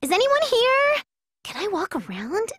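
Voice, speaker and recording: A woman's voice: extremely high pitch, wildly swooping pitch, measured pace, no room sound, studio quality, full character voice. An actress playing a scatterbrained, cheeky teenage girl in an anime game, talking in a breezy, slangy, dramatic way. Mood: cheeky, bored. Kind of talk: scripted anime game voice acting. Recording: loud music under the voice.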